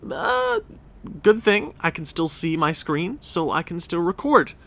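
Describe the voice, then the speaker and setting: A young man with a congested, stuffy voice rambles casually while narrating a hockey management game for his YouTube gaming channel, often correcting himself. His voice is slightly high and gravelly with a fairly bright tone, swinging hugely in pitch at a somewhat slow pace.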